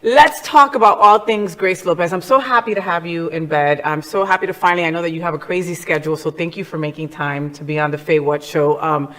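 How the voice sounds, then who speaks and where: A woman's voice: on the low side, fairly even intonation, a bit bright. A woman from New Jersey hosting a talk show, chatting casually with a guest in a playful, teasing way. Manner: playful, teasing, quick jokes. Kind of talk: casual interview chat.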